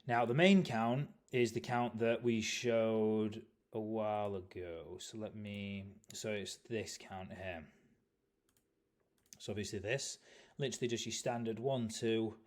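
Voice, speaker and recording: A man with a fairly low voice talking through trading charts in a loose, off-the-cuff way. He rambles, leans on filler words and takes back what he just said. Tired, casual delivery. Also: steady tone, unhurried. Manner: rambling, repeats "obviously", self-correcting. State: yawning, tired. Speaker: crypto chart analyst. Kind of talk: casual market analysis video.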